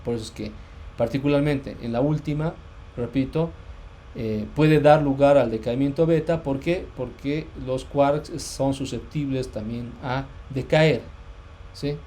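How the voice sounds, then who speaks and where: Male physics lecturer, mellow tone, hesitant and repetitive delivery, slight noise in the recording. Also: mid-range voice, measured pace. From Bolivia. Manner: hesitant, many fillers and restarts, checks understanding often. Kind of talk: university lecture.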